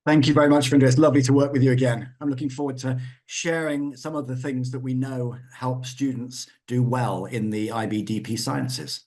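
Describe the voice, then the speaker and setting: A man with a medium-pitched voice talks as an educator. He explains in a measured, emphatic way, restating words as he builds each point. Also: fairly even intonation, darkish tone. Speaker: physics instructor and school director.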